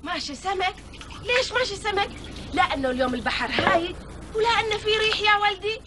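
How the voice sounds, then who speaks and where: A woman's voice: extremely high pitch, lively intonation, fast talker. An actress playing a worried mother who questions her family, speaking in a TV drama. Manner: anxious, probing. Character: worried middle-aged mother, anxious about her sons. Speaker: actor. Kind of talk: TV drama acting. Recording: drama audio with audible noise.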